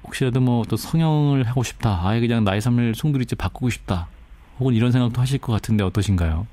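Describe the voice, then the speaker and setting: Male news-show interviewer, quick delivery, mid pitch, dry close studio sound. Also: dark tone, dry recording. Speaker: radio news show host. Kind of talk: broadcast interviewing. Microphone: close studio microphone.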